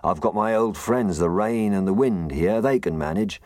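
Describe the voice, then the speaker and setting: A man voicing a gruff, chatty male snowman in a storybook reading. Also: on the low side, moderate pace, no room sound, studio quality, pitched above the performer's own voice, close to an everyday voice. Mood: friendly. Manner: loud, friendly, fussing.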